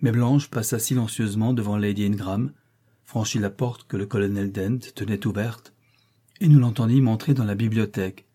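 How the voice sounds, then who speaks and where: A man narrating a classic novel as an audiobook, in a measured, steady way. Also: on the low side, slightly rough. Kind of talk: scripted narration.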